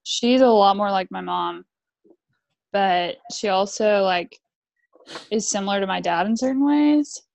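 A woman's voice: medium pitch, measured pace, gravelly, pauses often, no room sound. A young woman who is a guest on a casual podcast and teases and jokes with the host. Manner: teasing, joking and laughing softly.

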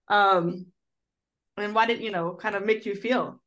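This podcast co-host has a medium-pitched, slightly bright voice with fairly even intonation, and she talks at a measured pace. Chatting casually about a film, she wanders and restarts, her speech packed with fillers such as "like" and "you know."

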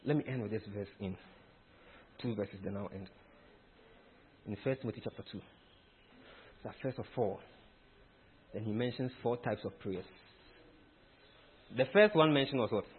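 A man's voice: lowish voice, normal speed, long pauses, a little hiss or hum. A man preaching a teaching sermon, emphatic and quizzing his listeners with questions. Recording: tinny phone-like sound.

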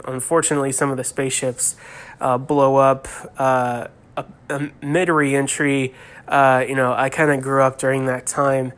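A young man in his twenties, a student hosting a casual solo podcast, sounding stuffy from a sinus infection and talking haltingly with many fillers. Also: mid-range voice, a bit bright. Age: 20s.

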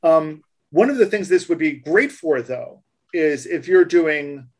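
A man's voice: on the high side, a little slow, breathy edge. A man on a casual tech podcast, patiently explaining things and restarting his sentences. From United States. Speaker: co-host explaining voice tags.

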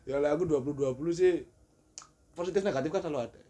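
A man's voice: fairly high pitch, fast, warm tone. A young man, joking and laughing often in a casual podcast chat.

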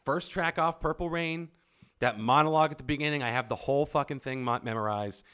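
A young man co-hosting a podcast, telling stories in animated casual chat and swearing often. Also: mid-range voice, brisk. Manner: animated storytelling, frequent swearing. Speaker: podcast co-host.

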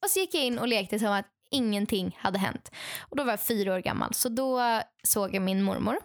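A young adult woman casually telling stories to a friend, lively and acting out what others said, with many fillers. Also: mid-range voice, no room sound, clean studio sound. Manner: animated, acts out quoted dialogue; frequent fillers and restarts. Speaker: podcast co-host telling stories. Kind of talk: casual storytelling chat.

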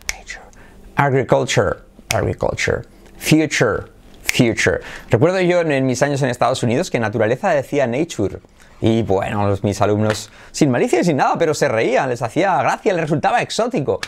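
A middle-aged man with a Spanish accent teaching English pronunciation in a video lesson, lively and repeating practice words. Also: mid-range voice, fast, slight background noise. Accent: Spain.

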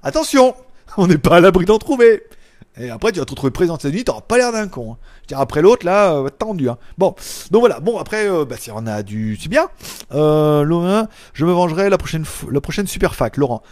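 A man's voice: on the high side, big pitch swings, fairly quick. Jokey man on a live stream. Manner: loud, jokey, trails off into mumbles and chuckles. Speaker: tech YouTuber hosting a live stream. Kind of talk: casual live-stream chat reading comments. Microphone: small clip-on mic.

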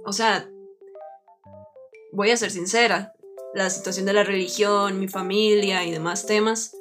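Costa rican girl podcast cohost, casual personal chat, spanglish w english words thrown in, normal pitch. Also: steady tone, measured pace, music in the background. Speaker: podcast co-host.

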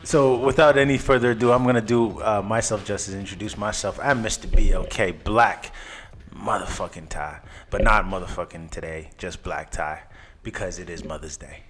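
A man's voice: lowish voice, normal speed, fairly bright tone, soft background music. A young man hosting a casual podcast, playful and joking with his guest. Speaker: podcast host.

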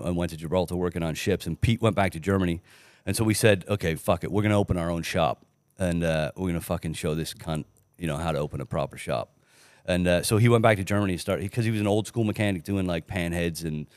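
A man's voice: deep voice, darkish tone, dry recording. A middle-aged man telling rambling, profane stories on a casual podcast, laughing often. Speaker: podcast host. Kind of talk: casual storytelling chat.

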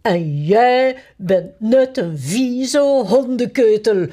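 A woman's voice: on the high side, lively intonation, very slow, warm tone, exaggerated voice. King Bobbel, a jolly king, read by a woman. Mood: cheerful. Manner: cheerful, amused. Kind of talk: storybook read-aloud.

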